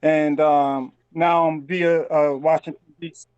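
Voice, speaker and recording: A high-pitched man calls in over a connection that keeps breaking up. His line sounds dull and lo-fi, and he talks haltingly, stopping and restarting with plenty of fillers. He is from New York. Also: little pitch movement, a little mellow, clear, resonant tone, no echo. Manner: hesitant, halting with many fillers. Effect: call audio breaking up. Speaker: caller. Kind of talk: call-in sports chat.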